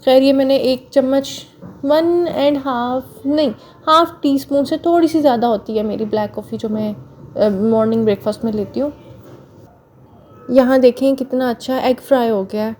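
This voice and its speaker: Chatty woman, slightly hoarse. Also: on the high side, fairly even intonation, moderate pace, darkish tone, slight background noise. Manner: chatty, homely, addresses viewers directly. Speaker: home vlogger. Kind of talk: casual voice-over narrating chores.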